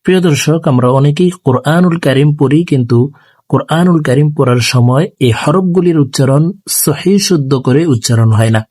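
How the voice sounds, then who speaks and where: A man teaching Quran reading in a slow, gentle lesson, saying each letter over and over so viewers can repeat after him. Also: on the high side, no room sound, clean studio sound.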